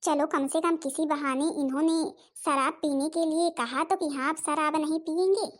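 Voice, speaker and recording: A woman voicing an angry, sharp-tongued young daughter-in-law in a cartoon, scolding and snapping. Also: high-pitched, steady tone, normal speed, natural voice. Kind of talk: Hindi cartoon voice acting.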